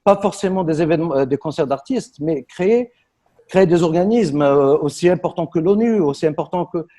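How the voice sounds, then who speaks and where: A man's voice: fairly high pitch, brisk, warm tone. A man speaking as a guest in an online panel over a video call, arguing with conviction and stammering through restarts. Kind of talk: impassioned conversational argument.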